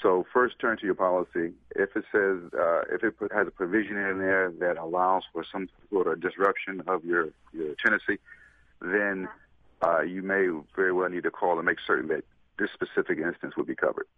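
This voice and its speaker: A man, a consumer protection attorney, speaking over the phone as a radio talk show guest and giving measured, deliberate legal explanations. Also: low-pitched, fairly even intonation, dry recording. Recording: tinny phone line.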